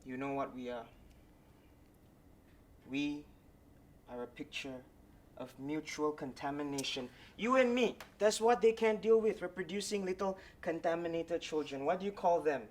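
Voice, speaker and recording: An actor playing a bitter, sarcastic husband in a stage play, speaking with biting mockery. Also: male voice, fairly high pitch, normal speed, slight background noise, lightly acted. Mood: mocking. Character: bitter husband in mixed marriage, sardonic. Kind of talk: stage acting.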